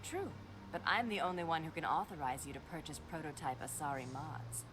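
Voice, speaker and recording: An actress playing a scheming female alien diplomat who speaks smoothly and condescendingly. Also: low-pitched, animated, fairly quick, music in the background. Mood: calculating.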